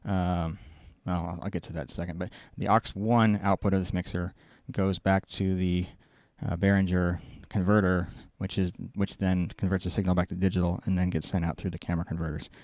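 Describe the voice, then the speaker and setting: Talking fairly quickly with hardly any pauses, a middle-aged man walks through a technical process informally, correcting himself as he explains each step. He's a video production engineer in a small indoor control room, his deep voice flat and a little mellow. The close boom mic gives a dry recording.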